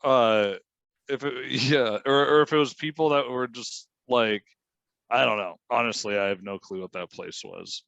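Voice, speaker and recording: A man's voice: medium pitch, normal speed, creaky, fairly bright tone, clear, resonant tone, no echo, dull audio. A man co-hosting a podcast who talks hesitantly in casual chat and laughs often. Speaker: podcast co-host.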